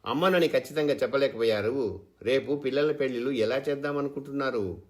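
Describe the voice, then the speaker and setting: A man's voice: mid-range voice, a little fast, a little mellow, pitched above the performer's own voice, lightly acted. A man voicing an anxious young village wife who asks worried, pressing questions.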